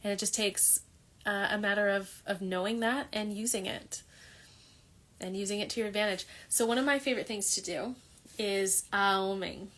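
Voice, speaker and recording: A woman's voice: medium pitch, normal speed, fairly bright tone. A woman hosting a holistic wellness talk, speaking casually and rambling with many restarts as she chats to her viewers. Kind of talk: casual monologue on yoga.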